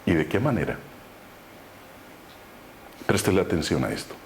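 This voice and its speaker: A man preaching a sermon, swinging between loud emphatic lines and low hushed phrases. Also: sing-song, normal speed. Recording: very echoey room with faint noise.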